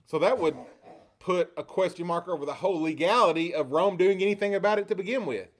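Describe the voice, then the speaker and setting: A man's voice: high-pitched, fast. A man preaching a sermon, asking rhetorical questions and acting out quoted lines with rising inflection.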